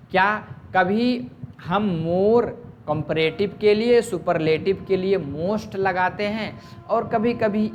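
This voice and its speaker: Indian male teacher, slow deliberate lecture delivery, slightly high voice, faint hiss behind. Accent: Urdu-speaking Indian. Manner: drawls English quotes, asks and answers his own questions. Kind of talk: recorded classroom lesson.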